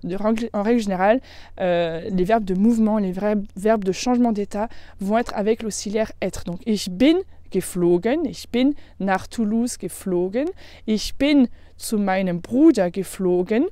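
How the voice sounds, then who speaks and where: A woman from France with a French accent, giving a casual online German lesson, chatting freely and slowing right down to model German phrases. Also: mid-range voice, warm tone, no echo. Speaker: German language teacher.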